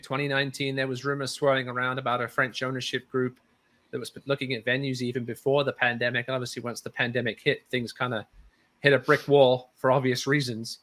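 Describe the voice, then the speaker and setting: A man's voice: medium pitch, sharp tone. A man hosting a casual rugby talk show, chatty and rambling, with lots of restarts. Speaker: podcast host.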